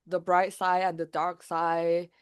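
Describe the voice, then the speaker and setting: A young adult woman from Thailand, a guest telling her story in a casual interview, talking in a quick, lively way with many fillers. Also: lowish voice, clean tone. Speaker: guest, founder.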